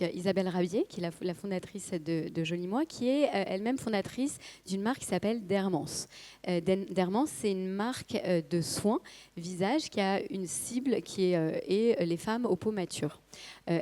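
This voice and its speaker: A woman with a hoarse voice that is giving out, speaking hesitantly as a guest telling a company story at a conference. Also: medium pitch, normal speed, warm tone. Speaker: company co-founder and marketing director, guest speaker.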